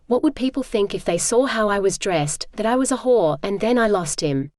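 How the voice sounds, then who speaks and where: A synthetic woman's voice reading a first-person audiobook in a steady, even manner. She has a middle pitch, and the sound is dry and close with no room around it. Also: moderate pace, no room sound. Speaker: audiobook narrator. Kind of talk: scripted first-person narration.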